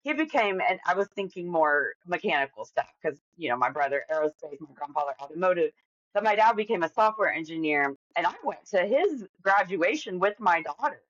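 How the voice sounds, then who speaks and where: Candid woman with a low, dull-toned voice. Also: big pitch swings, fairly quick, a bit bright, dry recording. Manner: candid, rambling, many fillers and restarts. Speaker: podcast guest. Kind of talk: casual interview conversation.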